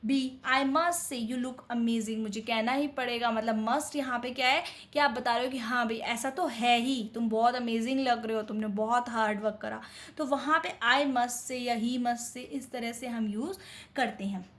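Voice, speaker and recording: A woman with an Indian accent teaching a grammar lesson, who reads out English examples slowly and keeps checking that her students are following. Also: on the high side, fairly even intonation, fairly bright tone. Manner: explains slowly, reading English examples carefully, then adding quick Hindi asides; keeps checking in with "theek hai?". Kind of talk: explanatory lesson.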